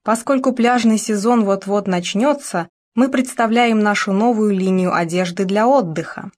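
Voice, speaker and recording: A woman's voice: mid-range voice, moderate pace, darkish tone, natural voice. A woman reading a polished male show announcer. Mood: announcing.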